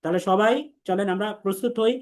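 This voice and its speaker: A man teaching an online class on Arabic letters, patiently repeating each letter sound slowly and leading the class in drills. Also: sits high, steady tone. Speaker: Quran teacher.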